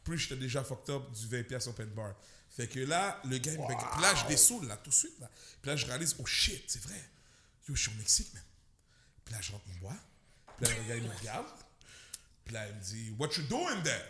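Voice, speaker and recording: A man with a Québécois accent, a guest comedian telling an animated, slangy story on a podcast. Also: medium pitch, a little fast, breathy edge. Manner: slangy, punchy, mixes English words in.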